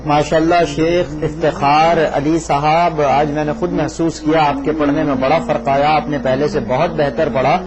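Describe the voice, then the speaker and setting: A somewhat high-voiced man hosts a live devotional call-in show. He speaks with formal courtesy and generous praise. Clear noise sits behind his voice. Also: flat delivery, few pauses. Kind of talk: live broadcast presenting. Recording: noisy live broadcast sound.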